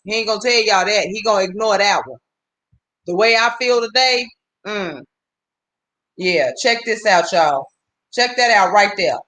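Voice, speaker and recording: A man's voice: high-pitched, unhurried, pauses often, sharp tone. A man on a livestream, ranting angrily and with lots of swearing while breaking off to greet viewers by name. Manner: profane, heated, stops to greet viewers. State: upset. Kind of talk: angry livestream rant.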